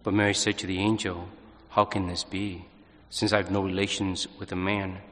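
A male priest reading the gospel and preaching at Mass, speaking in earnest, halting phrases with restarts, his voice carrying a cathedral echo. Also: low voice, level tone, a bit bright, slight background noise. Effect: cathedral echo, long reverberation. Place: large church. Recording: long church reverb.

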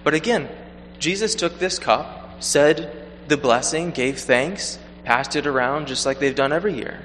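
A man reading the gospel and preaching a homily at Mass in a measured, earnest way, his voice ringing with cathedral echo in a large church. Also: a little high, a bit bright. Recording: long church reverb, faint hum.

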